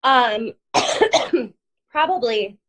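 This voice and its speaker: A woman's voice: a little high, animated, drawn-out words, a bit bright, rough recording. A woman lawyer with a cold, explaining legal matters plainly in a live online interview. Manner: plain explanatory, uses hedging fillers. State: has a cold, clearing her throat. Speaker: lawyer, guest. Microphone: online video stream.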